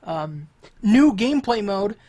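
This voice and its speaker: A man's voice: sits high, very animated, takes it slowly, dark tone. A man co-hosting a video game podcast, talking casually and rambling, with lots of fillers and restarts. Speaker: podcast co-host. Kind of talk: casual chat.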